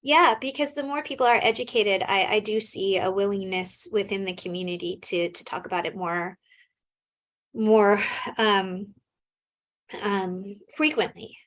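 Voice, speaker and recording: An American woman, a scholar appearing as an interview guest, gives casual answers in an unhurried, mid-range voice with fairly even intonation. She explains things thoughtfully but with frequent fillers and restarts.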